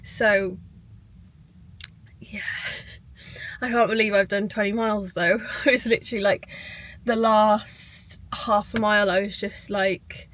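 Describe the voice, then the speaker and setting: A woman's voice: medium pitch, steady tone, unhurried, long pauses, fairly bright tone. A British woman chatting casually as a vlogger, sounding tired and rambling a little. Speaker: running vlogger. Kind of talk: casual chat to camera.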